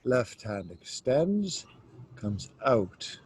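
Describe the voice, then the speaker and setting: A man leading a yoga class, calmly cueing each stretch step by step. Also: medium pitch, husky. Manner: slow, calm cueing of stretches. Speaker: yoga teacher. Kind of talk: guided yoga instruction.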